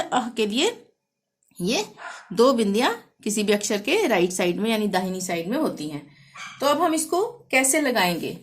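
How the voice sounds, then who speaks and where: A woman teaching Hindi letters, explaining patiently and spelling syllables out one by one, often checking in with her learners. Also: fairly high pitch. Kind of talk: slow, patient classroom explanation.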